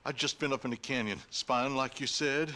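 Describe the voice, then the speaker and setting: Man voicing a young frontier deputy, rural Western accent, bright sharp voice, folksy. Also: mid-range voice, fairly even intonation, normal speed, a little hiss or hum, lightly acted. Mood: eager. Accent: rural American Western. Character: young eager frontier deputy, a bit sassy.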